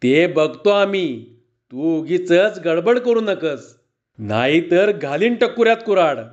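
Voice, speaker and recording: An impatient bandit snarls and hurries everyone along, voiced by a male storyteller. The sound is dull and lo-fi, the voice fairly high. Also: lively intonation, measured pace. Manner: snapping, shouting. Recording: dull lo-fi recording.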